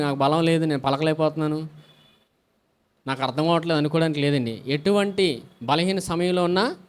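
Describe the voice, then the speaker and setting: A male pastor preaching a sermon, asking the congregation questions, answering them himself and calling out hallelujah often. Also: high voice. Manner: call-and-response preaching with frequent hallelujahs.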